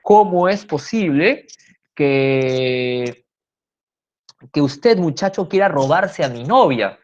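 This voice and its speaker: A woman's voice: low-pitched, expressive, slow, darkish tone. A woman voicing a proud older suitor who speaks indignantly and issues challenges, in a dull lo-fi recording.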